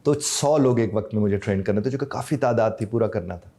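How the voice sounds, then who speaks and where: A man's voice: on the low side, quick pace, dark tone, a little hiss or hum. A man, a life coach and trainer, explaining his method in an interview and acting out short dialogues, with a Pakistani Urdu accent. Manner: acts out short dialogues to illustrate points.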